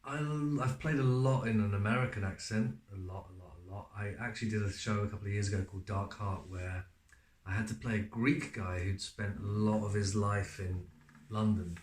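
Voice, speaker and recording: A relaxed man speaks in a slightly low voice, chatting casually about his acting work with plenty of fillers as he tells stories. The room gives his voice a noticeable echo. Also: fairly quick. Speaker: actor being interviewed. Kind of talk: casual interview answers.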